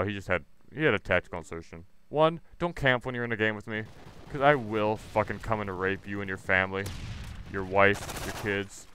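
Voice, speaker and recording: A man with a somewhat low voice talks through live gameplay on a gaming mic. He rants in an irritable, profane way. A faint hiss sits behind his voice. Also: sharp tone. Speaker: gaming channel host.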